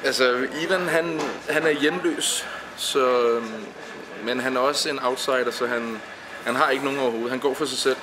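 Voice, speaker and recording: A man's voice: mid-range voice, a crowd in the background. A man, an actor, talks thoughtfully about his role in an interview, with hesitant fillers. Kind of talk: reflective interview talk. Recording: noisy background.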